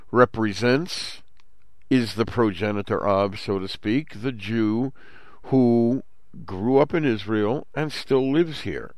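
A man, hosting a Torah commentary talk in a measured, explanatory way and using Hebrew terms. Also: medium pitch, dry recording. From Brooklyn, New York. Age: 60s. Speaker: host.

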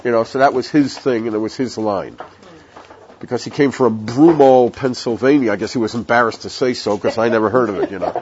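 A man's voice: medium pitch, brisk. Man teaching Torah, lo-fi recording. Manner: conversational, digressive, tells jokes. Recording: dull lo-fi audio with faint hiss.

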